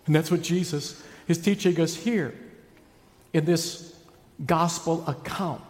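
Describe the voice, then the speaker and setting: Male pastor, high-pitched, preaching with theatrical emphasis and drawn-out key words in a long-reverb church hall. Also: a little mellow. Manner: dramatic emphatic delivery with stretched key words. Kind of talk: sermon.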